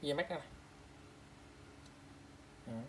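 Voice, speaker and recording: A man's voice: slow pace, a bit bright, slight background noise. A man selling used eyeglass frames online, chatting casually as he shows each pair and reads out prices and sizes. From Vietnam. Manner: chatty, repeats prices and specs, calls out to viewers. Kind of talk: casual product showcase.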